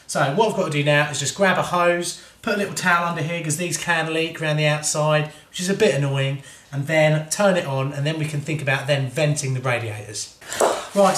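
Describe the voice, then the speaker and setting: A cheeky, chatty British plumber in his thirties, talking straight to a close camera inside a house. His voice sits a little on the high side and he keeps things light with jokey asides. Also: a bit bright. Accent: British English. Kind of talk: hands-on plumbing tutorial. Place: inside a house, airing cupboard and rooms. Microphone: wide-angle camera held close or set on floor.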